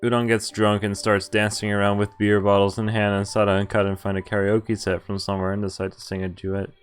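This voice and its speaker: Over game music, a young man streams a visual novel, reading its text aloud and adding amused, sweary, casual remarks. His voice is smooth and fairly low, delivered quickly in a monotone.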